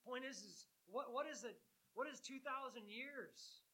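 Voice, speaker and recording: Bright-voiced male pastor preaching. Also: extremely high pitch, measured pace, poor audio. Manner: conversational preaching with rhetorical questions. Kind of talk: sermon.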